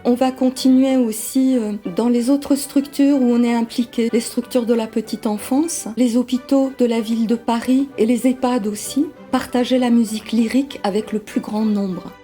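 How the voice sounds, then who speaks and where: A woman from Iran, a lyric soprano, speaks earnestly and takes her time. Her voice is fairly high but warm and mellow. Faint music plays behind her. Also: steady tone, moderate pace, hardly any pauses. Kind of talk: interview.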